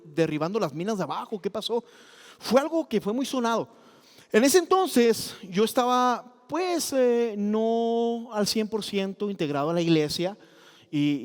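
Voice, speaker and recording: A man preaching a sermon and telling a personal story in an animated way, acting out the voices he quotes. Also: high voice, long reverb tail. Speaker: pastor.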